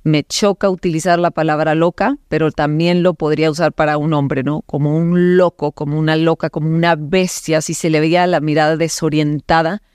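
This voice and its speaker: A woman's voice: low voice, fairly even intonation, brisk, hardly any pauses, a little mellow, clean tone, dry recording, studio quality. A woman with a Mexican Spanish accent recounting a personal experience in a rambling way, with many fillers and emphatic repetitions.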